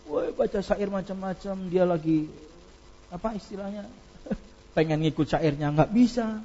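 Husky high-voiced male preacher. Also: moderate pace, dark tone, lo-fi sound. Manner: anecdotal, laughing, slips into Arabic quotations. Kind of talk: informal religious lecture.

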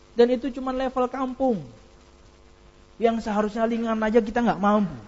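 Guy preaching casually, husky and kinda high, tells stories and laughs, quotes arabic, muffled lo-fi sound. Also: a little mellow. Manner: anecdotal, laughing, slips into Arabic quotations. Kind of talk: informal religious lecture.

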